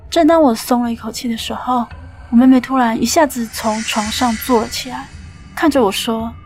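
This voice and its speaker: Higher-pitched woman telling a ghost story. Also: fairly quick, a little mellow, soft background music. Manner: tense storytelling, acting out quoted lines. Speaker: podcast host and storyteller. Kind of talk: dramatic ghost story narration.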